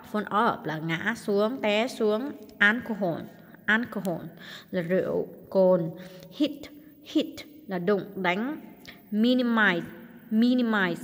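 Woman English teacher, Vietnamese accent, unhurried drilling delivery, lingering hall echo. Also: medium pitch. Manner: repeats each English word slowly, then gives its meaning; frequent hesitation fillers. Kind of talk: vocabulary lesson. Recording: long hall reverb.

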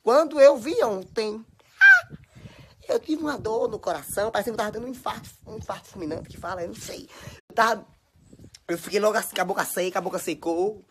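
A young woman, a social media personality with a Bahian Brazilian Portuguese accent, tells casual stories into her phone at home. Her mid-range voice runs a little fast over background noise as she scolds and chatters with dramatic exaggeration.

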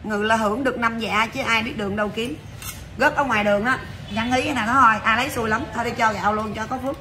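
Woman, bright voice, brisk chatty livestream seller, faint background noise. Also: on the high side, fairly even intonation. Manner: chatty, brisk, calls out to viewers. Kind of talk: fast livestream sales patter.

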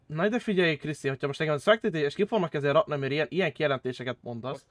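A young man streaming a role-play game, chatting casually and excitably with friends, swearing often and jumping into high squeals. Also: no echo, studio quality. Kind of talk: casual gaming chat with friends.

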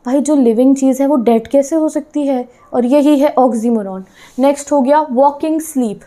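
A woman's voice: high-pitched, normal speed, dark tone. A woman teacher explaining lessons in an online class. She mixes in English terms, asks her students questions and keeps checking that they follow. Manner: keeps checking in with "theek hai".

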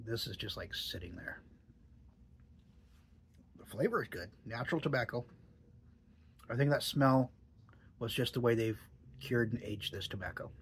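A man's voice: medium pitch, lively intonation, moderate pace, vocal fry, pauses often. Middle-aged guy vlogging, trailing off and musing, dry jokes, faint hiss behind. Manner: musing, hesitant, dry joking. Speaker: tobacco reviewer. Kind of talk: casual vlog chat.

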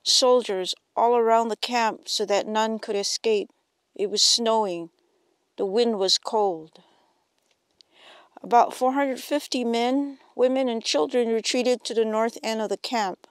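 A woman from Hawaii calmly reads a scripted historical narration. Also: a little high, unhurried, smooth, no room sound. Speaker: narrator and co-host.

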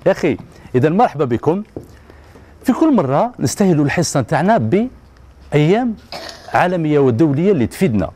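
Lively Algerian man hosting a kids' show. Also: a little high, quick pace, long pauses. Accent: Algerian Arabic. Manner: animated, coaxing questions to children. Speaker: children's TV host. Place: colorful TV studio set with children audience. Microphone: handheld mic.

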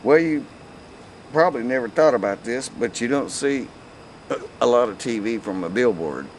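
A man's voice: mid-range voice, lively intonation, moderate pace, a little hiss or hum, natural voice, rough recording. A man voicing a bitter cowboy mascot while reading a comic script aloud. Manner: dry, grumbling.

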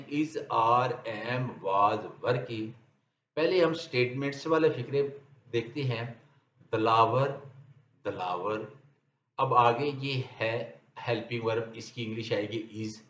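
A man with a Pakistani Urdu accent gives an English grammar lecture at an unhurried pace, drawing out each example sentence word by word. His voice sits in a middle pitch. The recording is dull and echoey, with faint room noise underneath. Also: fairly bright tone. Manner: reads example sentences very slowly and deliberately.

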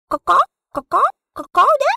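A woman's voice: very high-pitched, big pitch swings, unhurried, vocal fry, bright, forceful tone, no echo, studio quality, voice pushed up, exaggerated voice. A woman voicing a bossy, know-it-all hen who breaks into clucks as she talks. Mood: bossy clucking. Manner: stutters into clucks.

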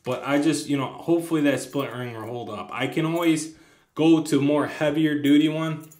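A man's voice: fairly high pitch, steady tone, normal speed, a little mellow. A man casually showing fishing lures at a table, rambling with lots of ums and restarts. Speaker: fishing channel host. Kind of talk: casual tabletop lure demo. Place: indoors at a tabletop, hands on camera. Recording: echoey room.

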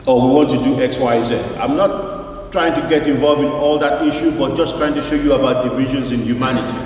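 In a mid-range, steady, somewhat dark voice, a preacher delivers a church sermon, quoting scripture and posing rhetorical questions to his listeners. He's emphatic and deliberate, repeating phrases for weight. The distant mic captures heavy echo from the large church and faint noise.

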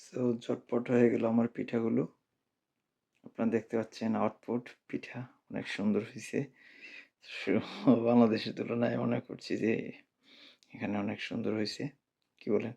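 A man with a Sylheti Bengali accent speaking softly in a casual home cooking vlog, his voice cracking from a cold. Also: medium pitch, level tone, moderate pace, vocal fry, pauses often, slightly rough. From Bangladesh. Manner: speaks softly, hushed at night. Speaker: cooking vlogger. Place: home kitchen abroad.

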